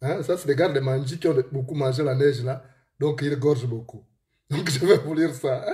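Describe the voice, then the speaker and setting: A man with a Gabonese accent, an author telling a story to listeners and reading aloud from his own book in a lively way. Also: medium pitch, normal speed.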